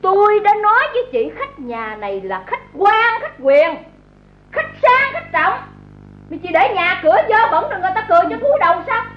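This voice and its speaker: A shrill, bossy mistress of the house. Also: female voice, very animated, a little fast. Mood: scolding. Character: harsh, domineering young woman of the house. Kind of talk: radio drama acting. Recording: echoey, dull old radio recording.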